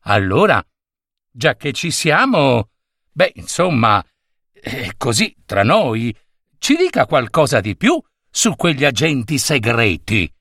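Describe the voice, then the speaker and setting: Man doing a middle-aged professor, wry, measured, slow, dry close sound. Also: mid-range voice, wildly swooping pitch, a bit bright, dry recording, full character voice.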